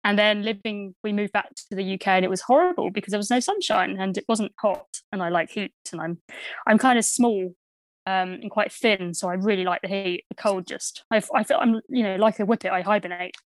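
A woman's voice: mid-range voice, fairly quick, no room sound, low-quality recording. A woman in her thirties with an Essex accent, chatting casually as an interview guest in a playful, self-deprecating way. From Essex, England. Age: 30s. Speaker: podcast guest, university archaeologist.

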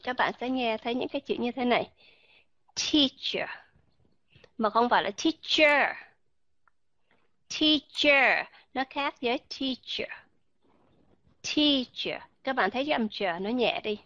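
A woman with a fairly high voice leads an online pronunciation lesson. She talks patiently and repeats example words slowly to show each sound. The recording is dry and a little dull and lo-fi. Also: animated, fairly bright tone, no echo. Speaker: pronunciation teacher.

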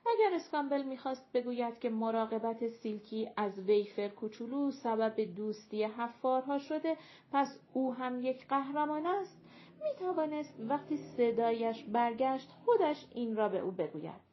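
A woman narrating an audiobook in a clear, even reading voice, pitched somewhat high. The recording is dull and lo-fi.

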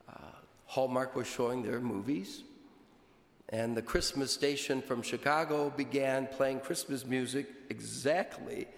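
A man speaking as a priest, reading scripture and preaching with a measured, deliberate church delivery in an echoing, cathedral-like church. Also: medium pitch. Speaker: priest giving a homily. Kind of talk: liturgical gospel reading and sermon. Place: large reverberant church. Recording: echoey cathedral-like church, long reverb.

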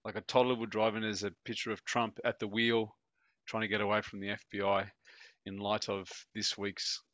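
A man's voice: fairly low pitch, little pitch movement, moderate pace, a bit bright, dry recording. A man co-hosting a podcast, chatting casually and joking with frequent laughs. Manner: jokey, laughs often, bantering. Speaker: podcast co-host. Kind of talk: casual chat.

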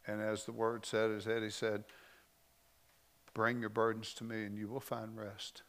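A man's voice: lowish voice, monotone. Man preaching a heartfelt sermon. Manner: slow, emotional preaching with dramatic pauses and soft drops; conversational asides and restarts while preaching. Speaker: pastor.

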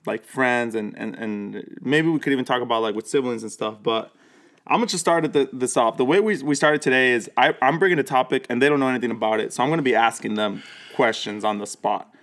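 A laid-back young man who is both a podcast host and a pastor leads a casual chat into a studio microphone. He talks fast at a medium pitch but hesitates a lot, with many fillers and restarts.

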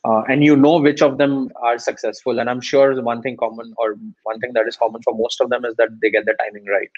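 A man with an Indian accent talks at a brisk clip, recounting experiences in a conversational interview style. His voice is mid-pitched, and the recording is dry and slightly dull. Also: little pitch movement, dry recording. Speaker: startup founder being interviewed.

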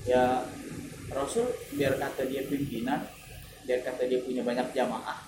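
A man's voice: mid-range voice, measured pace. A man retelling a religious story in casual chat, acting out the quoted speakers. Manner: animated, acts out quoted speakers. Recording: echoey room with background noise.

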